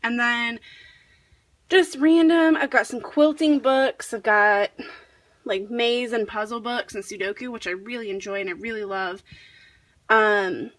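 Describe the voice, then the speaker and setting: A woman's voice: on the high side, fairly even intonation, unhurried, fairly bright tone. Chatty young woman with a rambling vlog voice. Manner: chatty, rambling, many fillers. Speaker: vlogger. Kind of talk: casual home tour vlog. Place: in her home.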